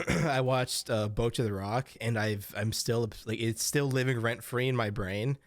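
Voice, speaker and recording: A young man co-hosts a podcast in a mid-range voice, speaking a little slowly with no room sound. His chat is casual and rambling, full of fillers and swearing.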